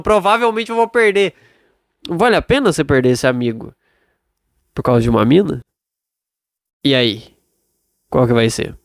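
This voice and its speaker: Brazilian male podcaster, fairly high voice, sick and stuffed up, loose sweary monologue with acted-out imagined replies, dry close sound. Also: dry recording. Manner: blunt, self-doubting, swears often; acts out imagined dialogue mid-monologue. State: sick with sore throat and congested nose. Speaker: solo podcast host. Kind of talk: casual rambling monologue, answering a listener.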